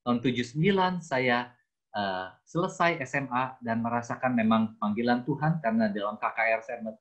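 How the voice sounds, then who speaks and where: A man's voice: medium pitch, a bit bright. A man in his sixties tells his life story to a youth group, switching between his own language and English. His talk is chatty and self-mocking. He has an ordinary mid-range voice on a slightly dull, lo-fi recording. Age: 60s. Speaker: guest speaker, theology teacher. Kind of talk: personal testimony to a youth group.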